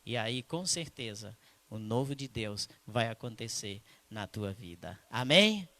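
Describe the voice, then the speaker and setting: A male pastor from preaching a sermon in a church, telling a personal story with emphasis and later slowing into hushed prayer. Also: lowish voice, big pitch swings.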